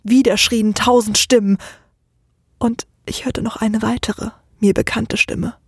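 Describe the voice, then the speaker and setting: A woman narrating a scripted first-person horror story in a measured way. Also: a little high, steady tone, slightly rough, no echo, studio quality.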